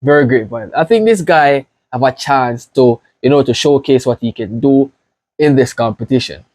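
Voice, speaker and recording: A man from Jamaica with a Jamaican accent, hosting a casual reaction video and gushing with excited praise as he talks to his viewers. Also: mid-range voice, moderate pace, dry recording.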